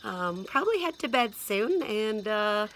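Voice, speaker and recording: A woman in her forties chatting casually to camera from inside a heated canvas tent, relaxed and rambling with lots of ums. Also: mid-range voice, unhurried, a little hiss or hum. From Canada. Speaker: camping vlogger. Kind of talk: casual vlog chat. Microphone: camera at arm's length and on a stand.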